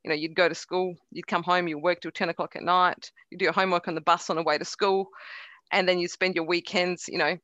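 Speaking fast in a fairly low, fairly even voice that is bright and forceful, a middle-aged Croatian woman with a faint Croatian accent joins a relaxed interview as a guest. She laughs often and restarts sentences. The recording is dry and muffled.

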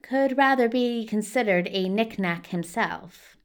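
A woman reading a story aloud, voicing a fussy gentleman who answers softly and with dry sarcasm. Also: on the high side, a little slow, natural voice. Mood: prim sour. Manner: soft, clipped, primly sarcastic.

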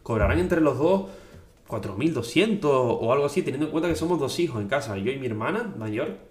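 A young man from Tenerife in his twenties, talking excitedly in a casual motivational vlog and dropping slang fillers as he goes. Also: mid-range voice, fairly quick. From Tenerife, Spain. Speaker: online coach and affiliate marketer. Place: indoors at home. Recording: echoey room.

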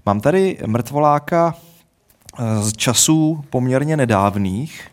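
A man co-hosting a casual podcast, explaining a mystery case in a wry, deadpan way. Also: medium pitch. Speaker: podcast co-host. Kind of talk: casual chat, storytelling.

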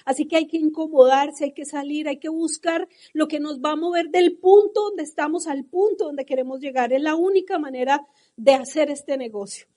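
A woman with a Colombian accent giving a passionate, animated motivational talk to a live audience at a business seminar. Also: sits high, moderate pace.

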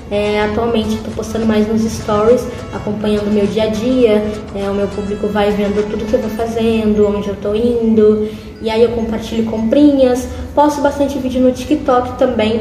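A woman's voice: fairly high pitch, fairly even intonation, normal speed, dark tone, faint music behind. Friendly young Brazilian woman, echoey room. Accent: Brazilian Portuguese. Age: 20s. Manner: friendly, fond of diminutives. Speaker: YouTuber guest. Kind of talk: casual podcast interview.

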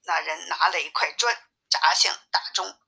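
A woman reading a classic story aloud in a lively manner, shifting her voice for each character. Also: on the low side, moderate pace, creaky, breathy edge. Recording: tinny phone-like sound.

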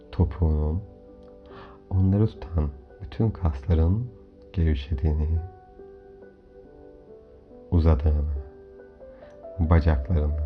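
A man hosting a guided hypnomeditation in a calm, soft, soothing voice, giving measured instructions with long pauses. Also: a bass voice. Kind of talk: slow guided meditation narration. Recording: dull lo-fi audio under music. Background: clear background music.

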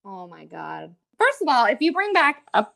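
A woman chatting casually as a podcast co-host, relaxed and giggly, with frequent hesitant fillers. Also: fairly high pitch, moderate pace, vocal fry. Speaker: podcast co-host, vet tech. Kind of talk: casual chat.

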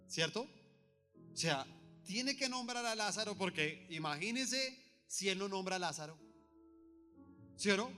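A man's voice: fairly high pitch, fairly bright tone, in a large hall. A man preaching a sermon in a conversational way, often asking his listeners rhetorical questions.

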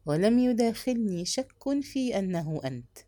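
A woman reading as a proud young woman, soft. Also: lowish voice, expressive, fairly quick, lightly acted. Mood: intimate. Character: proud young woman, bold yet tender.

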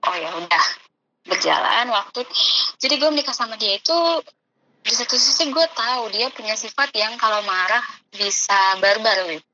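A woman's voice: fairly high pitch, moderate pace. Chatty woman, muffled noisy recording. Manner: chatty, uses Jakarta slang. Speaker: guest telling her story. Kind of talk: casual chat. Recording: muffled with clear background noise.

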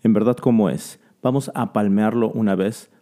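Man in a mellow-voiced music lesson. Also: lowish voice, steady tone, moderate pace. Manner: scats rhythm syllables aloud, coaching the listener; encouraging, talks directly to the listener. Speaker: music teacher.

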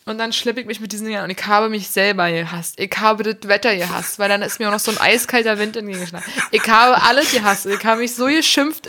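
A young adult woman hosting a podcast, telling a casual story in a lively, self-mocking way with slang and swearing. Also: a little high. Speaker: podcast host.

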